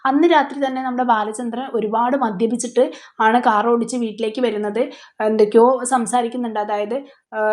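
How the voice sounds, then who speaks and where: A woman casually retelling a TV serial episode, chatty and quick to quote the characters' lines. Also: a little high, a little mellow. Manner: chatty, retells dialogue, frequent tag particles. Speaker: serial recap host.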